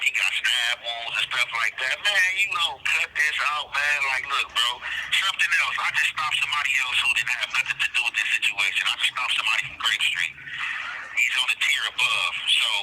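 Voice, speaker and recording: A man's voice: mid-range voice, quick pace. Blunt man on a noisy phone line. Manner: blunt, streetwise, keeps saying bro. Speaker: caller from jail. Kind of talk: casual phone talk.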